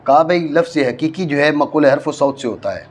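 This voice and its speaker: A man from Pakistan, teaching a grammar class, explaining step by step and often checking that his students follow. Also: a little high. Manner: explains step by step, repeats points, checks understanding. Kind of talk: classroom lecture on Arabic grammar.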